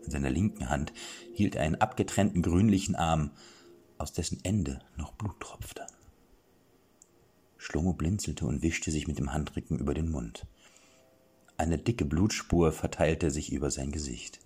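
A man narrating a fantasy audiobook with expressive storytelling and small self-corrections. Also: extremely low pitch, slight background noise. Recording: clear background music.

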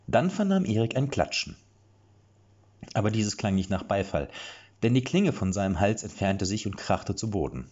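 Deep husky storybook narrator. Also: male voice, moderate pace. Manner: expressive, playful storytelling. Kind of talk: audiobook narration. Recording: dull lo-fi recording.

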